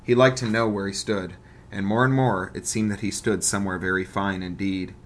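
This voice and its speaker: A man narrating an audiobook in a measured, wry tone. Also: lowish voice, steady tone, a bit bright, slight background noise.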